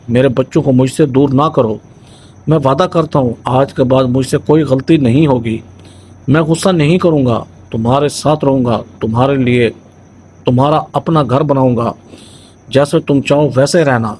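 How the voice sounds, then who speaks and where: A man's voice: mid-range voice, a little mellow, a little hiss or hum, natural voice. A man playing a remorseful husband who pleads in tears, his voice trembling. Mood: desperate pleading.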